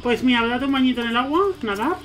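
A man's voice: very high voice, animated, fast talker, fairly bright tone, faint music behind. A man giving casual gameplay commentary, chatting to his game characters. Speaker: let's play gamer.

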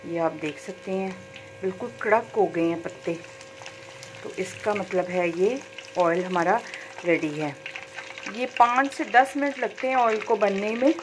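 Animated and speaking at a measured pace, a beauty salon owner walks through a homemade hair oil recipe at her kitchen stove, adding small fillers as she works. Her voice is medium-pitched, and background noise can be heard.

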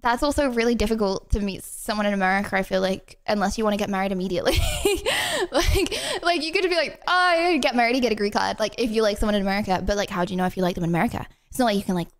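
A woman from the United Kingdom, a podcast guest, chatting casually with lots of fillers and giggles. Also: mid-range voice. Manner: giggly, filler-heavy, drawn-out emphasis. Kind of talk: casual chat.

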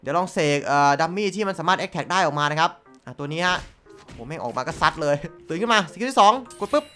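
A man hosting a gaming channel, giving excitable gameplay commentary full of exclamations and casual swearing. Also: a little high, fast, faint music behind.

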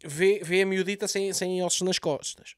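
A man's voice: high-pitched, steady tone, normal speed, dry recording, clean studio sound. A man with a Lisbon Portuguese accent doing a comedic recap of a TV series, sarcastic and full of swearing. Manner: sarcastic, swears a lot, mocks the scenes.

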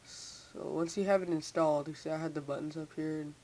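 A teen tutorial maker walks through software on screen casually and without a script, from his computer indoors. He talks a little fast in a steady, darkish mid-range voice, tripping over and repeating words, slightly hindered by a sore from tightened braces. The recording is hissy and noisy from a home microphone.

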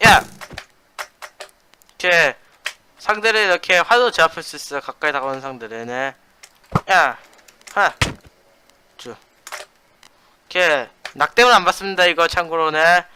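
A young man hosts a gaming channel, giving chatty commentary on a block-building PvP match and tacking "yes" onto nearly every phrase, shouting during fights. His voice is a little high, animated and a little fast, with a little hiss or hum.

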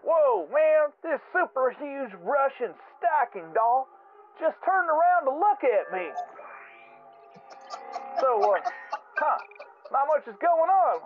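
A man leaving a voicemail over a landline phone, rambling excitedly in a play-by-play with exclamations and stammered restarts. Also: extremely high pitch, slow pace, long pauses, faint music behind. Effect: heard over a landline phone as a played voicemail. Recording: tinny phone line with faint hiss.

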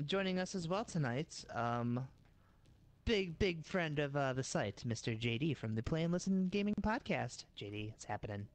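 A man's voice: fairly high pitch, expressive, normal speed. A man with a nasal voice, tired after a long day, hosting a casual let's-play gaming chat in a laid-back, rambling way.

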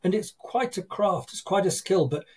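An older man, a guest copywriter telling lively stories on a video call from his home office. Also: high-pitched, normal speed, slightly rough. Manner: lively storytelling, acts out quoted people. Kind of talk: casual interview chat. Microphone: video call webcam.

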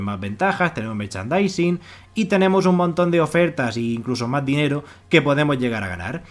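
Fast-talking Spanish man explaining apps. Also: medium pitch. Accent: Spain Spanish. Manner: fast, repetitive, filler-heavy explaining. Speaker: online money-making video host. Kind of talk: screen-recorded app walkthrough. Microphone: voice-over over screen recording.

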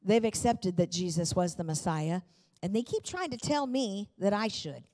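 On a large church auditorium stage, a middle-aged woman pastor preaches a sermon woven with personal stories, holding a handheld microphone. Her medium-pitched, mellow voice is expressive and moves at a normal speed. She speaks emphatically and fervently, repeating phrases.

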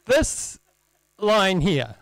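A man presenting an informal live technical demo, halting as he thinks aloud, with wry, self-deprecating humour. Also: high voice, very animated, gravelly, a bit bright, no echo. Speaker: presenter at a tech meetup. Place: indoor lecture room, presenting at a screen. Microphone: handheld microphone.

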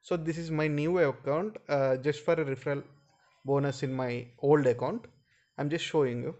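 Male video host, Indian accent, slightly high voice, informal instructional delivery that repeats points for viewers. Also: steady tone, normal speed, a little mellow, highs cut off. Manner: instructional, repetitive, addressing viewers often. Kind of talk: informal screen-share tutorial.

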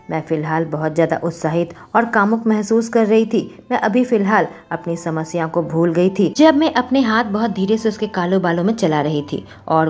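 A woman's voice: mid-range voice, darkish tone. A woman narrating a romantic story in the first person as a scripted reading.

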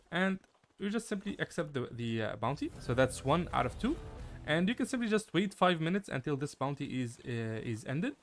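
A little hiss or hum sits under this young man's fairly high voice. He creates gaming guides, and here he gives viewers a relaxed, filler-laden walkthrough of a video game, chatting away and addressing them as "guys."

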